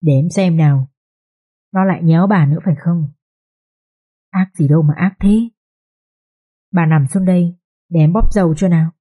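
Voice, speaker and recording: A woman's voice: lowish voice, normal speed, pauses often, mellow, breathy edge. A woman voicing a loyal nanny who speaks humbly and soothingly to her mistress. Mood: tender. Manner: soothing, deferential.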